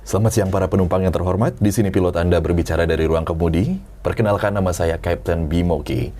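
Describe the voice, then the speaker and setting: A voice talent playing a formal male airline pilot who reads a cabin announcement in a smooth, measured way. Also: low-pitched, a little mellow.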